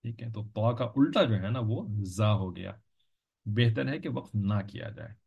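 A man's voice: lowish voice, lively intonation, a little slow, gravelly, husky. A man teaching a religious lesson in an explanatory lecture style, patiently repeating points and checking that listeners follow. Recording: dull lo-fi recording.

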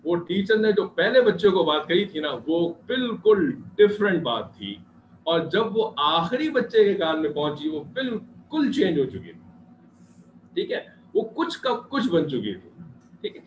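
A man's voice: high voice, very animated. Guy teaching an online class, chatty, keeps checking in with students, echoey muffled audio. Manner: conversational, repeats checks with students. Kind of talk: online religious history class. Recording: echoey muffled noisy room.

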